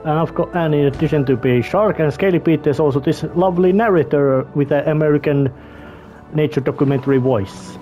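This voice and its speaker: A man with a fairly high voice gives casual gameplay commentary. He rambles and hesitates as he searches for words. Faint music plays behind him. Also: fairly quick, dark tone, highs cut off.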